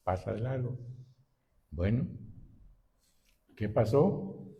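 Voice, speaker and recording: Un hombre que es pastor y predica un sermón en una iglesia, con un ritmo pausado y preguntando a menudo "¿verdad?". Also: male voice, medium pitch, big pitch swings, muffled recording. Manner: slow and deliberate, often adding "¿verdad?". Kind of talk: sermon. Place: church.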